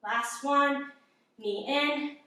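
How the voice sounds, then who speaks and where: A woman yoga instructor calmly guiding a workout, giving encouraging breath cues and sounding slightly out of breath. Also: high-pitched, very slow. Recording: very echoey room, mic at a distance.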